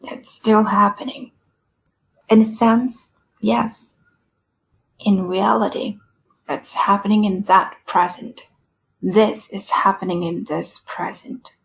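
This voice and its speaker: A woman voicing a frail, dying male writer who speaks in a soft, half-whispered, weary and rambling way. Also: mid-range voice, fairly even intonation, slow, vocal fry, long pauses, slight background noise. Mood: wistful. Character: frail dying middle-aged male writer, self-deprecating.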